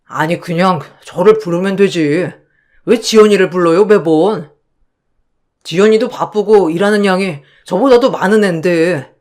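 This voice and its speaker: Exasperated young husband as a woman puts him on, lower voice, hurried pleading, radio drama. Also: a little mellow, lightly acted. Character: exasperated young husband defending his wife.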